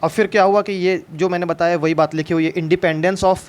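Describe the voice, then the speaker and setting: A man teaching a history lesson in a loose, conversational way, posing questions and answering them himself. His voice sits a little higher than most men's. He restarts words often and slips English terms into his explanations. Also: fairly even intonation, brisk.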